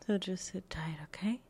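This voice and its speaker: A woman whispering a teasing, dominant audio roleplay in a breathy voice, with soft chuckles between phrases. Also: on the low side.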